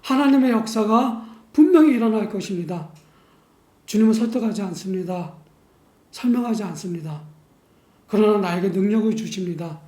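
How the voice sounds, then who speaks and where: A man preaching a sermon as pastor in a church, measured and unhurried, posing rhetorical questions to the congregation. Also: sits high, darkish tone. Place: church sanctuary. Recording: echoey church room.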